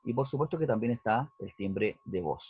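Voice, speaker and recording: Male physics teacher, slightly husky voice, tinny phone-like sound, walks through a lesson and keeps checking in with students. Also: medium pitch, expressive, moderate pace, no room sound. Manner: explanatory, checks in with "¿cierto?" and "¿ya?". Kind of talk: recorded lesson walkthrough. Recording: dry, husky, phone-like narrowband audio.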